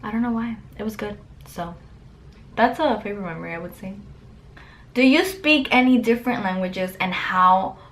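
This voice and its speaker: A young adult woman from Mexico, whose first language is Spanish, vlogs from her bedroom with the camera close up. In a medium-pitched, slightly bright voice at a moderate pace, she casually answers get-to-know-me questions, saying "like" a lot.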